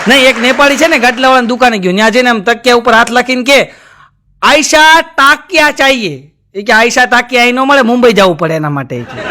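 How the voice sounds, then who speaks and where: High-voiced man doing stand-up. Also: very noisy. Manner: storytelling, addresses audience as sir, mimics voices. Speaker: stand-up comedian. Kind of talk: live stand-up jokes and moral talk. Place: stage before a live audience.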